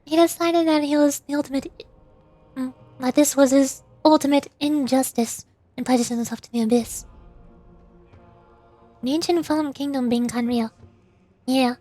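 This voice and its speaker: A woman game streamer with a high-pitched but darkish voice shifts between casual talk and reading lore aloud, coming across as giggly, easily confused and self-deprecating. The recording is dry, and game music plays faintly behind her.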